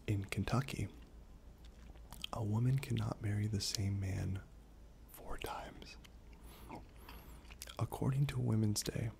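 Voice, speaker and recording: A man speaking in a soft, breathy half-whisper, gently reading trivia aloud in an ASMR style while chewing gum. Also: lowish voice, slight background noise. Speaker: ASMR host.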